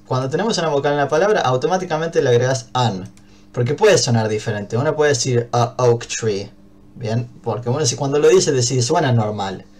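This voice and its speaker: A man's voice: mid-range voice, darkish tone. A man with an Argentine Spanish accent teaching an English class, explaining patiently and checking often that his students follow. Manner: patient, checks understanding with frequent "¿bien?".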